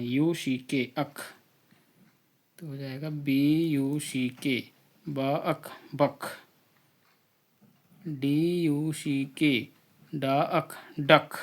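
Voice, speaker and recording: Guy teacher doing phonics drill, spells letters out, super slow, bit high voice. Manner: spells letters then blends sounds slowly, repeating each word.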